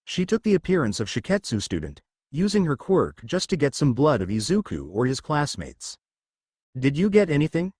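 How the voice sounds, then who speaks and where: A man reading fan fiction aloud in a steady storytelling manner. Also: mid-range voice, moderate pace, slightly rough, dry recording, clean studio sound.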